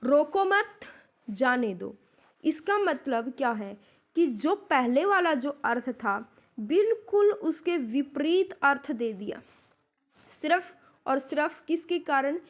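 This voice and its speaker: A woman teaching a class in a high voice. She speaks slowly and deliberately, pausing to pose rhetorical questions before answering them. Her pace is measured throughout the explanation. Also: sing-song. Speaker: Hindi literature lecturer. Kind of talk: classroom lecture.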